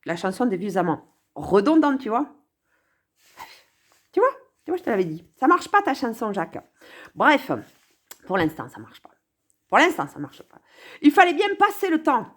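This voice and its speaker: A woman with a high-leaning voice and huge pitch swings comments casually and sarcastically on a song at a normal speed, with long pauses. She playfully addresses the viewer directly, alternating between muttering and exclaiming.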